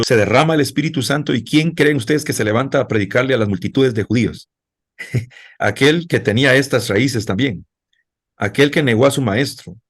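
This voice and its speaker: A man's voice: medium pitch, husky. A male pastor preaching a sermon in a conversational way, speaking directly to his congregation.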